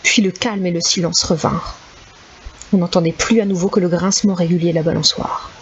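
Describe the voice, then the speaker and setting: A woman reading a storybook aloud in calm, measured scripted narration. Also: on the low side. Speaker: audiobook narrator. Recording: slightly dull with faint hiss.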